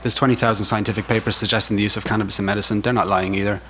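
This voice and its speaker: An Irish retailer speaks on a panel very fast in a lowish, sharp voice with little pitch movement. His informal presentation is enthusiastic, and he repeats himself for emphasis. Noticeable background noise runs under the recording.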